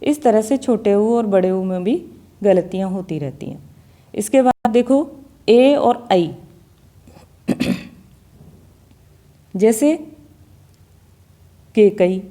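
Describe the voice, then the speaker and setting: A woman teaching a Hindi grammar lesson on vowel pronunciation, speaking deliberately and repeating example words to show each sound. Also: medium pitch, lively intonation, warm tone.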